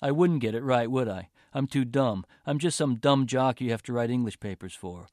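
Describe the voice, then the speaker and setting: A man's voice: medium pitch, moderate pace, a little mellow, no room sound, studio quality, natural voice. A man voicing a resentful young male college athlete who turns sarcastic and bitter in a story reading.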